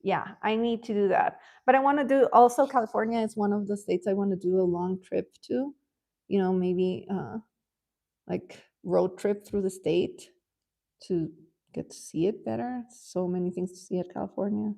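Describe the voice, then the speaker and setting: A woman from Ecuador chats casually while she colors, with a gravelly edge and a middle-range pitch. She rambles from thought to thought and laughs often as she answers her viewers' comments. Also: fairly even intonation, normal speed, mellow. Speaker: livestream host.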